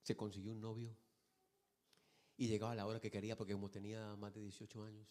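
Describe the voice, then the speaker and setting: A man preaching a sermon as pastor, swinging from loud exhortation to soft, hushed storytelling and repeating rhetorical questions to his congregation. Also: lowish voice, completely flat delivery, fast talker.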